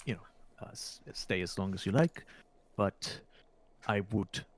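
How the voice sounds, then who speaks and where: A man voicing a calm, polite male shopkeeper in a tabletop game, speaking courteously with some hesitation. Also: on the low side, unhurried, noisy background.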